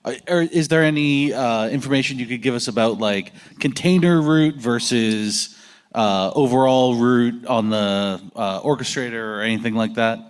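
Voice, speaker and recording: A man's voice: medium pitch, normal speed, clean tone. A man in a conference audience asking the speaker a hesitant question, with many uhs. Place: conference hall.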